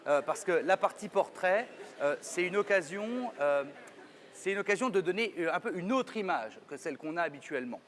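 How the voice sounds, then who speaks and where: A man in a comic stage sketch who talks in a hesitant, rambling way full of restarts and breaks into furious yelling. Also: sits high, expressive, moderate pace. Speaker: sketch partner who plays the show's presenter.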